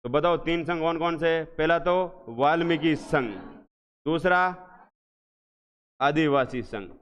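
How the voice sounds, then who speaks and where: A man teaching an exam revision class, asking questions again and again and answering them slowly and with emphasis. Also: on the high side, fairly bright tone, slight background noise. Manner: drills students with repeated questions, slow emphatic answers. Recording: echoey hall, dull lo-fi sound.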